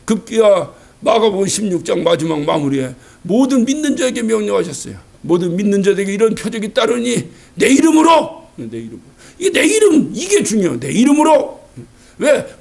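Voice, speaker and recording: A male pastor preaches a Sunday sermon with a strikingly high voice that swings up and down through wide, lively pitch. His tone is gravelly and husky, and he keeps asking rhetorical questions and acting out quotes. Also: moderate pace. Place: church sanctuary.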